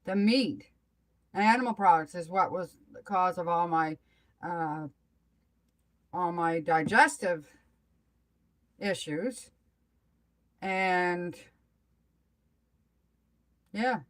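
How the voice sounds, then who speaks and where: A middle-aged or older woman chatting casually on a live stream, rambling and halting as she trails off mid-thought. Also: on the low side.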